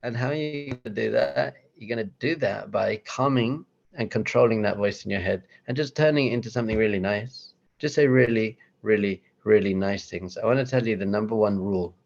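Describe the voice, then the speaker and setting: A man with a low, gravelly voice gives a motivational talk with slides, chatty and self-deprecating. He often breaks into little acted-out voices. The recording is dull and lo-fi. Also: brisk, a little mellow. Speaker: rabbi giving a talk.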